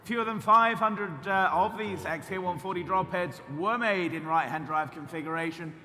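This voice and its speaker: A man's voice: sits high, moderate pace, bright, forceful tone. A man working as an auctioneer, calling and repeating bids in a clipped live sale patter. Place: large auction room at a motor festival. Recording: noisy, reverberant auction hall PA.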